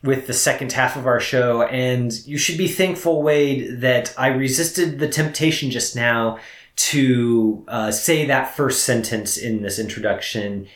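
A man co-hosting a film review podcast, speaking in a measured, lightly joking way. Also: medium pitch, reverberant. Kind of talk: casual podcast chat.

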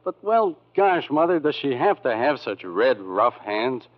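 An actor playing a reluctant, boyish young son with hesitant speech in a 1940s radio advertisement. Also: male voice, mid-range voice, sing-song, a little slow. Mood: reluctant, sheepish. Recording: dull old radio recording.

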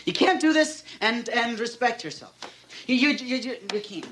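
A man's voice: very high voice, big pitch swings, moderate pace, fairly bright tone, a little hiss or hum, heavily acted. An actor playing a quirky, lovestruck teenage boy in a film scene, stammering and exasperated. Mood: bitter. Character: lovestruck quirky teen boy, hurt and indignant. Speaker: film character.

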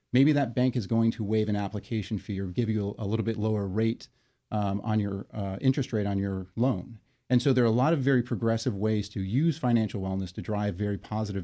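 A man being interviewed as a guest, explaining his work in a measured way with frequent fillers and restarts. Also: lowish voice, warm tone. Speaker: interview guest, financial wellness company leader. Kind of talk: conversational interview.

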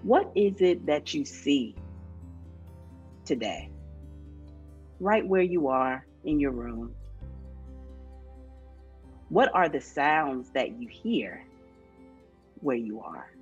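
A woman leads a calm grounding exercise in a gentle, inviting way. The sound is somewhat dull and lo-fi, with music behind her voice. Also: very deep voice, very slow, long pauses. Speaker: podcast co-host and pastor.

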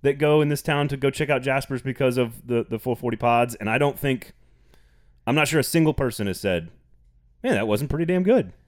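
A man's voice: mid-range voice, fairly quick. A man hosting a sports podcast, talking casually and rambling with frequent restarts. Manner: rambling, repeats words, laughs often. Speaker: podcast host.

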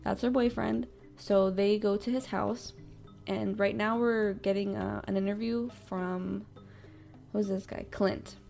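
Young woman podcast host rambling thru a true crime case, lots of "like", vocal fry, laughs in disbelief. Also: medium pitch, fairly even intonation, unhurried, darkish tone, soft background music. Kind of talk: casual true-crime storytelling.

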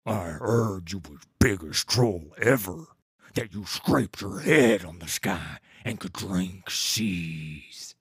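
A man voicing a huge, brutish male troll king with a rumbling, gravelly voice and slow, broken speech. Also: lively intonation, fairly bright tone, dry recording, clean studio sound, full character voice. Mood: gruff.

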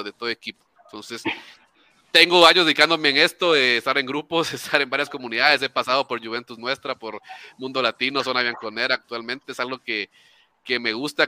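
A man's voice: medium pitch, fairly quick, pushed and bright, smooth, dry recording. A man from Nicaragua, a guest founder of fan groups, telling his story in casual podcast chat with many fillers and restarts. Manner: talkative, hesitant with many fillers.

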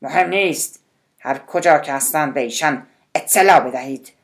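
Woman doing a stressed-out boss guy, bossy and snappy, low gravelly voice. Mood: angry, commanding. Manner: tense, commanding, turns to shouting. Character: agitated middle-aged male director-general.

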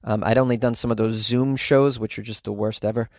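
A man hosting a comedy podcast from inside a closet, riffing in an animated, caffeinated, goofy way and repeating phrases for effect. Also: lowish voice, a little fast, creaky, dry recording, studio quality. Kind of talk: comedic news commentary and rambling monologue.

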